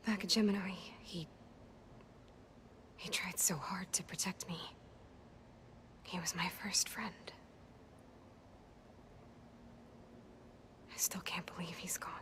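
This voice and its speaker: An actress playing an earnest, gentle young woman in a video game, soft-spoken and sincere. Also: medium pitch, brisk, pauses often, a little hiss or hum, lightly acted. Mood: grieving, subdued. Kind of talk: video game character dialogue.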